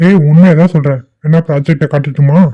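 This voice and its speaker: A man's voice: a little high, fairly even intonation, quick pace, close to an everyday voice. A man voicing a strict, scolding male boss in a cartoon, who talks in a stern, bossy way. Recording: dull lo-fi dry recording.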